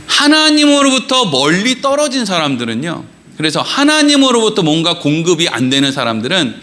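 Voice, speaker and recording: A middle-aged male pastor giving a lively, conversational sermon in a church, full of rhetorical questions and acted-out quotes. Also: high-pitched. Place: church sanctuary.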